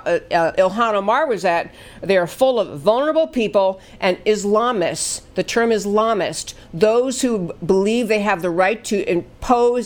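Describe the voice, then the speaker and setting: Emphatic woman hosting political talk. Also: mid-range voice. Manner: emphatic, repetitive, indignant. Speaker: political talk show host. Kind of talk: opinionated political commentary.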